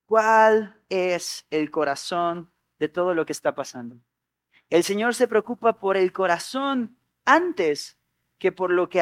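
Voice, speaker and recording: Earnest pastor, dry close sound. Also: male voice, sits high, no echo. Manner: earnest, repeats key points, brief stammers. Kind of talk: sermon.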